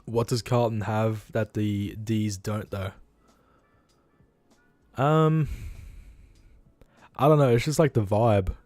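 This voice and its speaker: A tired young Australian man chats through a livestream in a loose, rambling way, blunt and quick to swear. His voice sits low and mellow, with a dry, close sound and faint music behind him. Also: dry recording. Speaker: livestream host. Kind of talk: casual livestream chat.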